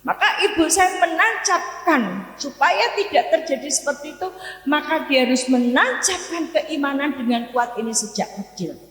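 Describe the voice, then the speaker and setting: This woman in her sixties, speaking with a Javanese accent, preaches a morning study sermon full of personal stories, her high-pitched voice lively in intonation and a bit bright. She is emphatic and deliberate, pausing and repeating phrases, and the hall echoes with long reverb.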